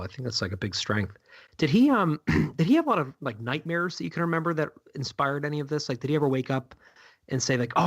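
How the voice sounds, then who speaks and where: A male interviewer with a medium-pitched voice. He chats casually and muses at some length, rambling through his thoughts and questions. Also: fairly bright tone.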